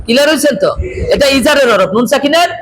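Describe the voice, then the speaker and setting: Man, very high voice, Quran recitation teacher, keeps asking "right?", faint noise behind. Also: lively intonation, fast talker. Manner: repeats checking questions to students, stresses letters aloud. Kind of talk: classroom recitation lesson.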